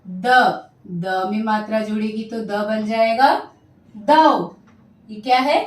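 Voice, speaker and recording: A woman teacher slowly sounding out syllables and words, loud and clear for pupils to repeat after her. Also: mid-range voice, far from the mic. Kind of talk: Hindi vowel-sign lesson for children. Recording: echoey room, voice set back from the mic.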